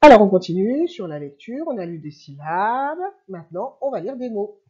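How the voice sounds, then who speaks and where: A woman teacher giving a remote reading lesson to young children, sounding out syllables slowly and clearly and encouraging the child. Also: medium pitch, big pitch swings, mellow, highs cut off. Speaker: primary school teacher.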